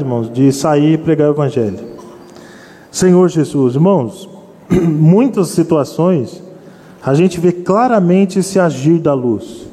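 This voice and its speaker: A man with a fairly high, dark-toned voice preaches an earnest sermon, repeatedly turning to call his congregation "brothers." The recording carries a long hall reverb.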